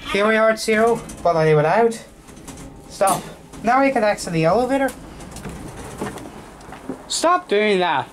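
A man's voice: high voice, expressive, a little slow, pauses often. A man filming with a handheld phone at a train station, narrating an elevator ride and plainly listing its details. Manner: matter-of-fact, lists elevator details. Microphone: handheld phone camera. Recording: noisy station ambience, passing trains.

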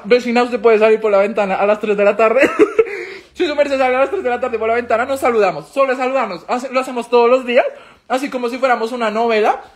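A young man with a Colombian accent chatting on a live stream, theatrical and gushing, swearing freely. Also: high-pitched. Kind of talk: casual live stream chat.

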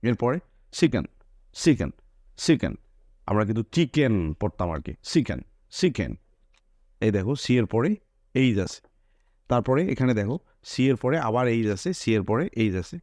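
A man's voice: medium pitch, brisk, darkish tone, dry recording. Give me a man who teaches English pronunciation and repeats each example word, recorded dry. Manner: repeats each example word several times, pointing at the screen. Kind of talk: spoken English pronunciation lesson.

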